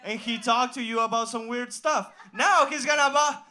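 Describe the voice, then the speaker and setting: High-voiced male host introducing acts. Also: moderate pace, sharp tone. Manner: upbeat, short announcements. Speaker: show host. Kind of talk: introducing comedians. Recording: noisy live room.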